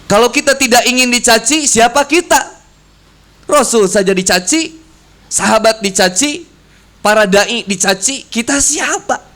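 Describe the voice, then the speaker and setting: Very high-voiced preacher man. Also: a little slow. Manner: lively, slangy, acts out voices. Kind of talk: casual youth sermon.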